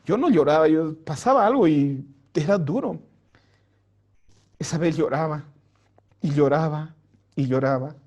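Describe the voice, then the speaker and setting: A male pastor telling his conversion story to a youth group in an earnest storytelling way, dropping soft and slow for prayers. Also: on the high side, muffled recording. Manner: earnest storytelling, acts out quoted lines in a raised voice. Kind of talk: personal testimony to a youth group. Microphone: home mic for an online vigil.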